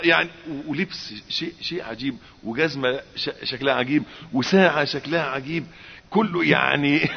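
A man preaching a sermon in colloquial Egyptian Arabic, animated, rising to emphatic exclamations and acting out little dialogues. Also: medium pitch. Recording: muffled reverberant hall recording.

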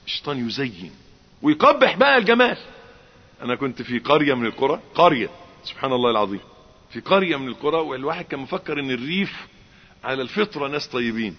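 A man preaching a sermon in colloquial Egyptian Arabic, animated, rising to emphatic exclamations and acting out little dialogues. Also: mid-range voice, very fast, husky. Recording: muffled reverberant hall recording.

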